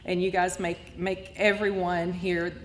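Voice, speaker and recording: A woman's voice: fairly low pitch, little pitch movement, measured pace, slight background noise. A tearful woman in her fifties accepts an award, her voice breaking with emotion as she gives heartfelt thanks. Her voice rings out in a large hall with a long reverb tail, and a faint murmur of the room sits underneath. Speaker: award recipient. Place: large event hall at a lunch.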